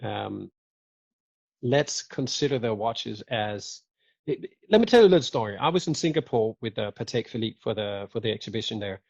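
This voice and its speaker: A man's voice: lowish voice, expressive, moderate pace, gravelly, a little mellow, no room sound. A man chatting casually as a guest on a video call, joking and laughing often with rambling asides. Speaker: guest watch collector. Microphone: video call mic. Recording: dull lo-fi call audio.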